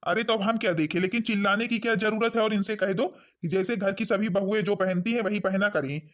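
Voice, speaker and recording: A man's voice: high voice, a little fast, fairly bright tone. A man playing a stern, disapproving old village father-in-law who grumbles about his new daughter-in-law. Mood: grumbling. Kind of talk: village family skit acting. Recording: dull lo-fi sound.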